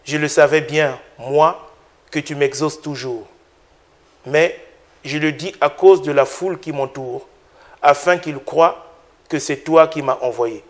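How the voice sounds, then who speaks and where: A man reading Jesus's words aloud as a calm, solemn grown man in a scripture reading. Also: on the high side, measured pace, long pauses, natural voice.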